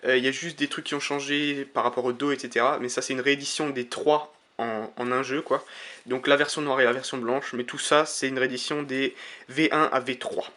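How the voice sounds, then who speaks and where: A man giving casual, enthusiastic unboxing commentary to his viewers, pausing often with hesitations and praising everything he shows. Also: medium pitch, steady tone, pushed and bright. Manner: enthusiastic, keeps calling things magnificent, frequent hesitations. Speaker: YouTuber unboxing playing-card decks.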